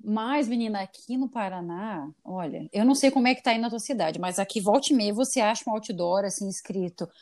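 A woman who is a guest on a podcast, ranting in a lively, profane, casual way. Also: mid-range voice, fairly quick. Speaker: guest artist and English teacher.

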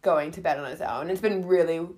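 A woman's voice: low-pitched, fast talker. A young woman co-hosting a podcast, chatting casually and telling stories with frequent laughter. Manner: chatty, laughs often, animated storytelling. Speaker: podcast co-host. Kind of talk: casual chat.

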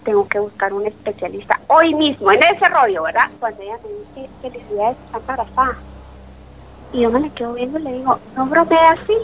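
With a fairly high pitch and a slightly fast delivery, a doctor in her late thirties tells an emotional story of faith in an interview, vividly acting out the dialogue. The recording is rough, with slight background noise.

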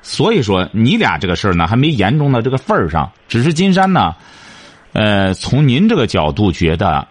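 A man's voice: on the low side, wildly swooping pitch, moderate pace. A man hosting a radio advice show, lecturing a caller in an emphatic, repetitive way.

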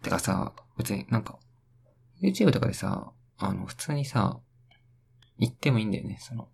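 A man's voice: fairly low pitch, big pitch swings, normal speed, vocal fry, a little mellow, husky. A young man hosting a solo radio talk, rambling, talking to himself and playing with words. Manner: rambling, talks to himself, plays with words in sing-song repeats. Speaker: podcast host.

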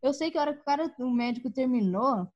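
A woman with a high voice tells a personal story in a relaxed chat. She is animated, laughs often and acts out the voices of the people in it. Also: quick pace, lo-fi sound. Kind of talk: casual storytelling.

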